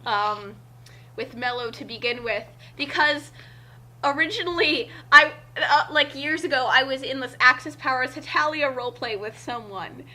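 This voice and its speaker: A woman reads fan fiction aloud in a casual way and chats between bits, rambling with excitement and tripping over words. Her voice sits high.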